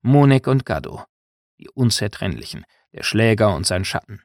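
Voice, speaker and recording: A man reading an audiobook in measured scripted narration. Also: fairly low pitch, sing-song, no echo, studio quality.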